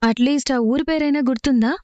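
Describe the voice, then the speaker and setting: A woman's voice: sits high, fast, warm tone, no room sound, muffled recording, close to an everyday voice. An actress playing an earnest, persistent young married woman who is asking for help. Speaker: actor in a TV serial. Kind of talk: TV serial acting.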